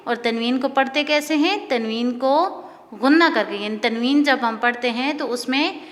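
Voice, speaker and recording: A woman teaching Quran reading in a slow, recited lesson. She drills each letter, draws out her words and keeps checking whether her listeners understand. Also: sits high, a bit bright, long reverb tail.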